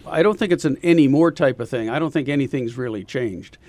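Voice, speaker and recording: A man speaking as an insurance consultant guest on a radio talk show, explaining things in a measured way with pauses and fillers. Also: medium pitch, a little mellow, no room sound. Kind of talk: radio interview answers.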